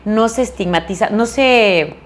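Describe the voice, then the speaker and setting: Middle-aged actress guest, lively storyteller, acts out her quotes. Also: mid-range voice, unhurried. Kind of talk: casual interview chat.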